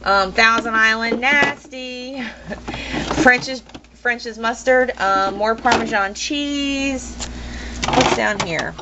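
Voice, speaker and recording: A young female vlogger gives a casual, rambling tour of her home from the kitchen, full of ums and blunt opinions. She speaks extremely slowly in a fairly high voice. The recording is a dull lo-fi home video with noise.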